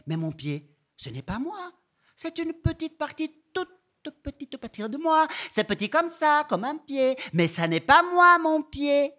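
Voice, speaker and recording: A man's voice: very high-pitched, sharp tone, heavily acted. An actor playing a sulky seven-year-old girl who keeps insisting she did nothing wrong, in a whiny, repetitive stage monologue. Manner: whiny, defensive, repeats herself. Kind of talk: stage monologue performed live.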